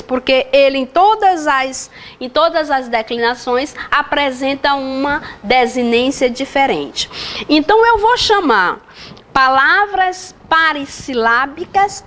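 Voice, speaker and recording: High-voiced Brazilian woman teaching Latin. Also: a bit bright. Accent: Brazilian Portuguese. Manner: explains step by step, asks and answers own questions. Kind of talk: recorded distance-learning lecture.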